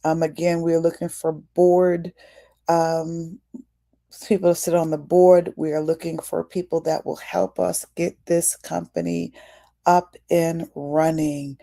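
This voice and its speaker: A woman with a low, gravelly voice hosts a live talk for her audience. She speaks slowly and questions her listeners in a casual, preachy way, calling them y'all. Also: flat delivery, warm tone. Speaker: host.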